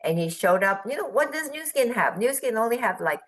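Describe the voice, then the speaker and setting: Over a video call, an energetic woman at a business forum narrates a business tale briskly in a fairly high voice. She laughs and raises her voice to quote people, and the audio is poor.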